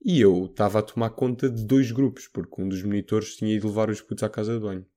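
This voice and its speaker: A man's voice: on the low side, fast. A young man from Portugal, casually telling a story to a friend and acting out the voices of the people in it. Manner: animated storyteller, acts out voices of people in his story, many fillers.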